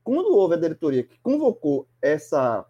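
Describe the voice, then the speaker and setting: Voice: mid-range voice, huge pitch swings, moderate pace, warm tone, slightly rough, highs cut off. A sports commentator, talking animatedly and emphatically in a casual sports chat, often restarting words.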